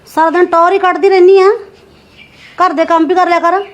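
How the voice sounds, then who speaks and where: Woman acting as a scolding, stingy sister-in-law, very high-pitched voice. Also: flat delivery, a little fast. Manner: nagging, sarcastic. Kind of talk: Punjabi short-film acting.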